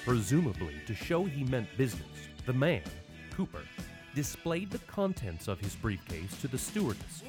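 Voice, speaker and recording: A man narrates history as a podcast host, dramatic and irreverent. His medium-pitched voice swings widely in intonation, and music plays clearly behind him. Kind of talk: scripted history storytelling narration.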